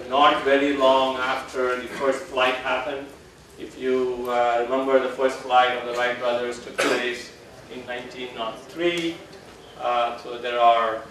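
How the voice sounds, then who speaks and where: A man giving a public lecture to students, relaxed and full of "uh" fillers, in a large hall. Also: medium pitch, slight background noise. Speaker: guest lecturer. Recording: echoey hall, voice from far off.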